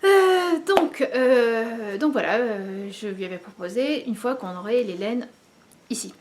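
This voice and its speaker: A woman's voice: on the high side, background noise. Hesitant woman chatting about knitting. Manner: hesitant, many pauses and fillers. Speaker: knitting podcast host. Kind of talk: casual chat to camera. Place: home.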